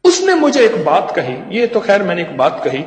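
High-voiced older man telling stories. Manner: animated storyteller, folksy asides. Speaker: herbal doctor giving a talk. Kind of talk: storytelling lecture. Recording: echoey hall with long reverb.

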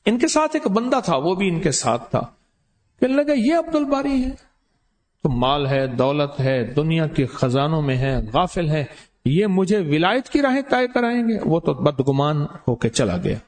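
Male preacher telling a Sufi tale, high and animated, hammers phrases by repeating them. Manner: emphatic, repeats phrases for stress. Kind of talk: Sufi storytelling sermon.

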